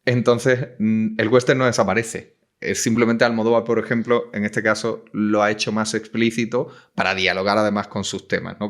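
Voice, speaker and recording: A man co-hosting a film podcast, talking in a reflective way with many tags and fillers. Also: on the low side. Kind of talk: casual film discussion.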